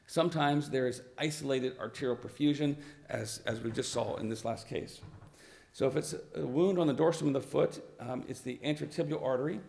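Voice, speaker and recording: Male physician lecturer, raspy and hoarse, mid-pitched, halting delivery. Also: a little mellow. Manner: halting, with many fillers and restarts. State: hoarse, clearing his throat. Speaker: vascular physician presenting at a conference. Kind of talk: medical lecture on slides.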